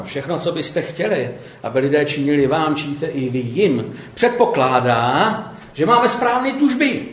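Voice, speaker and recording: A man giving a relaxed, conversational sermon, often checking in with his listeners. His voice sits a little high and moves around a lot. The room around him is noticeably echoey. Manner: conversational, keeps asking "jo?". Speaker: preacher.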